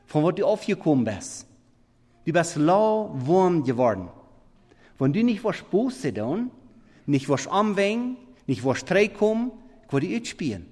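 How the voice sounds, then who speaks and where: A man preaching a sermon in halting, non-standard German, swinging between loud emphatic scripture reading and quiet murmured asides. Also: high-pitched, very animated. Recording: long reverb of a big hall.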